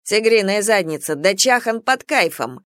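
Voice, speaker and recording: A reader voicing a cheeky young male soldier who mocks his comrades in a high, teasing voice. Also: expressive, normal speed, fairly bright tone, clear, resonant tone, no echo, clean studio sound, lightly acted. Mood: mocking. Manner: high-pitched and mocking.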